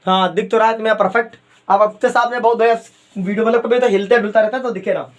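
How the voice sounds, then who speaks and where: A man with a fairly high voice, teaching chemistry to coaching students. He talks to them fondly as "beta" and drags out key terms syllable by syllable so they can note them down. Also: fairly even intonation. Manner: calls students "beta", repeats terms slowly, mixes English phrases.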